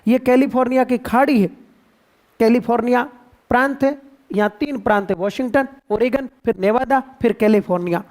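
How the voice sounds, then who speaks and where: A man with a Rajasthani Hindi accent teaching geography to a class, playful and quizzing students with drawn-out repetitions. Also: extremely high pitch, darkish tone. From India. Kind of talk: classroom lecture.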